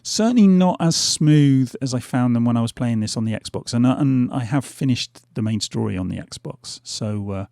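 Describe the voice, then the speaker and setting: Animated yet creaky, this middle-aged man's dark, medium-pitched voice runs at normal speed with few pauses, even as he loses it. He hosts a gaming channel, rambling casually through gameplay with fillers and restarts. Recorded on a desk mic with headphones, the sound is clean and studio-like with no room sound.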